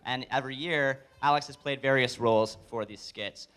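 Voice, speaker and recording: A young adult man giving a wedding toast as best man, joking with deliberate comic pauses. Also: mid-range voice, a bit bright, smooth. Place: live speech at a wedding reception.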